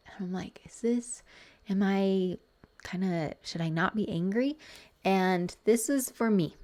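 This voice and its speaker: Earnest woman podcaster, slightly low voice. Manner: earnest, thinks aloud with many restarts and asides. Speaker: podcast host and betrayal trauma coach. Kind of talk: personal reflective podcast talk.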